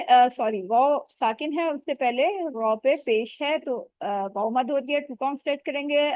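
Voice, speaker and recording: High-voiced patient woman Quran teacher. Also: darkish tone, dry recording, lo-fi sound. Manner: patient, corrective, models sounds slowly. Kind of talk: online tajweed class.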